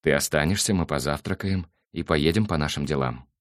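A man voicing a calm, wry young man in an audiobook, teasing in a low tone. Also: a little fast, no echo, studio quality.

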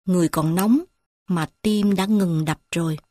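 A woman voicing a poor, grieving old village grandmother who murmurs softly and slowly to her granddaughter. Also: lowish voice, dry recording, studio quality. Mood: tender, sorrowful. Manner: soft, slow confiding murmur.

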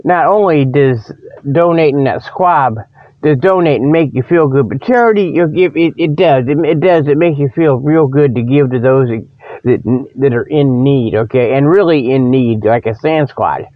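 In a meandering, folksy comic monologue, the host of a humorous radio report rambles through mock sponsor pitches, speaking colloquially and frequently losing the thread. His mid-range voice carries a slight frog from a lingering cold at normal speed, captured on a dry, narrow, tinny recording.

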